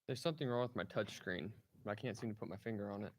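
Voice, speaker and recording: A man trading dad jokes in a contest, delivering setups and punchlines deadpan with short thoughtful hums. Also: fairly low pitch, fast talker, slight background noise. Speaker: joke contestant.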